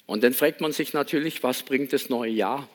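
A man's voice: medium pitch, normal speed. A man giving a sermon in a reflective manner, asking many rhetorical questions and reading a Bible passage. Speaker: pastor.

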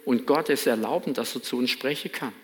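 German pastor preaching in a reverberant hall. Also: male voice, medium pitch, fairly quick. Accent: Baden German. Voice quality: earnest, emphatic preaching with repeated phrases. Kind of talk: sermon. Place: church hall.

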